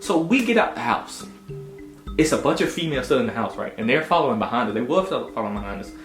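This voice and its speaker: Talking fast at a medium pitch, a storytelling vlogger from Augusta in the United States, in his twenties, casually describes a personal experience. His slangy, animated style is dotted with "you know what I'm saying," over background music with room echo.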